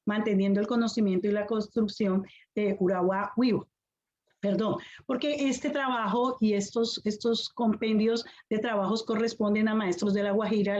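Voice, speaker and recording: A woman with a Colombian Caribbean Spanish accent giving a semi-formal academic presentation as an educator, in a halting, explanatory way. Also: mid-range voice, darkish tone. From Colombian Caribbean islands. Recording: dull lo-fi audio.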